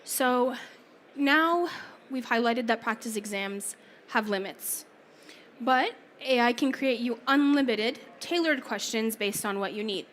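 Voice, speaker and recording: A woman's voice: a little high, unhurried, fairly bright tone, slight background noise. A woman presenting a live conference talk on exam study, chatty and apologetic, who is losing her voice. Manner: chatty, laughs often, apologetic asides. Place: conference theater stage.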